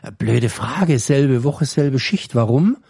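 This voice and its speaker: A man voicing a gruff, good-natured middle-aged prison guard who grumbles and scolds. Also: medium pitch, lively intonation, takes it slowly, mellow, dry recording, clean studio sound, full character voice.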